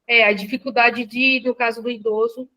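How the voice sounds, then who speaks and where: A woman's voice: on the high side, little pitch movement, normal speed, bright, forceful tone. A Brazilian woman talking casually in a lecture discussion, hesitant, with many fillers and restarts. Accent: Brazilian Portuguese.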